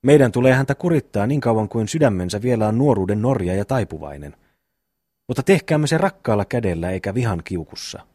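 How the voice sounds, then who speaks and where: A man's voice: on the low side, lively intonation, mellow, no echo, clean studio sound. A man reading a preachy pious brother. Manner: preachy, sighing. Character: pious sanctimonious peasant brother.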